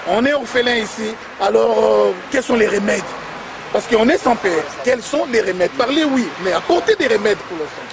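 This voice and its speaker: A man with a high voice conducts an outdoor interview, asking pointed rhetorical questions in a pressing tone. Traffic and street sounds come through clearly behind him. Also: expressive, moderate pace.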